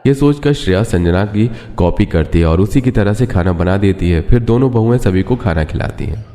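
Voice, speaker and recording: A man's voice: lowish voice, expressive, a little fast, mellow. A man delivering scripted story narration as the narrator of a family tale. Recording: long reverb, faint background music.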